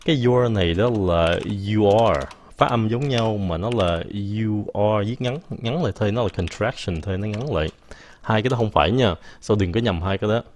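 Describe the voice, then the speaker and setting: A man's voice: lowish voice, a little mellow, slight background noise. A man teaching an English grammar lesson in a casual way, explaining patiently and often correcting himself. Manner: slow, explains patiently, frequent "ok" and self-corrections.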